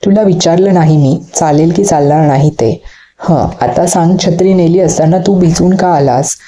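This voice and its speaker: A woman reading the part of a worried, scolding middle-aged mother in an audiobook, speaking in sharp, clipped commands. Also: fairly low pitch, moderate pace, lightly acted.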